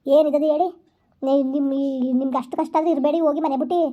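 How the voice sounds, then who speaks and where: Woman playing Navya, a rapid-fire scolding sister. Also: high voice, fairly even intonation, muffled recording, close to an everyday voice. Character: fierce protective young elder sister. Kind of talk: village family skit.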